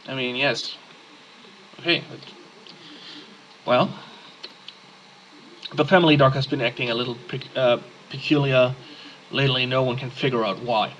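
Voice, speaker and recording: A man's voice: mid-range voice, a bit bright, slight background noise, poor audio. A man playing a text-based game, reading its text aloud and adding casual muttered asides. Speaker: let's play gamer.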